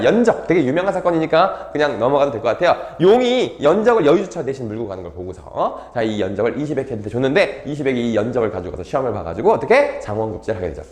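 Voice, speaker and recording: A man's voice: mid-range voice, echoey room. A man teaching literature in a casual, joking storytelling way, acting out the characters' lines as he retells the tale. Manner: animated, jokey, acts out characters' lines. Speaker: Korean literature tutor.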